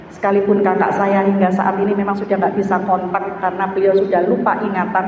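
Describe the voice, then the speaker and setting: Woman, middle-aged, pastor's wife, church testimony, pitch jumps to near-shouts, far from mic, long hall reverb. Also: slight background noise. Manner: animated, pitch leaping high at emotional peaks, nearly shouting. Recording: echoey dull hall recording from far off.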